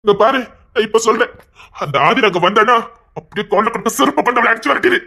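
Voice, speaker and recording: In a comedy skit drama, a man with a Tirunelveli Tamil accent plays a harsh, hot-tempered young man who barks commands and threats. His full character voice is very high-pitched, fast, gravelly, pushed, and bright, sounding stern and angry.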